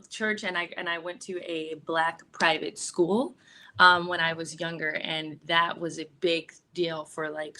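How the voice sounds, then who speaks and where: A woman's voice: sits low, pushed and bright. A woman from the Bay Area, an actress and filmmaker, chatting casually as an interview guest with lots of fillers and likes. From San Francisco Bay Area, US.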